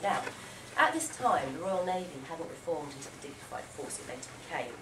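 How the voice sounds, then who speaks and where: A woman with a lively, swooping voice gives a playful talk to schoolchildren, firing questions at the room and praising the answers. She sounds distant from the mic in an echoey room, with steady noise underneath. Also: on the low side. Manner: animated, playful, quizzes and praises the kids. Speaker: children's author giving a library talk. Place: library event room.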